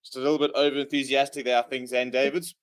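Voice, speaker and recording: A man's voice: mid-range voice, little pitch movement, fast talker. A man, hungover, chatting casually and commentating as he hosts a live rugby watchalong stream. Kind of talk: casual livestream chat and live sports commentary.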